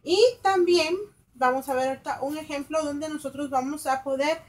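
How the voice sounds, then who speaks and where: A woman teacher explaining English grammar rules in Spanish, reading example sentences slowly and translating them, with fillers and self-corrections. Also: high voice, fairly even intonation. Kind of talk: recorded grammar lesson.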